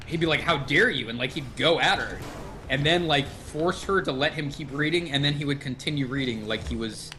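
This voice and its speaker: This livestream podcast host is a man spinning stories in loose conversation, animated and freely swearing into his livestream mic. His voice is a little high and fairly quick, with background noise present.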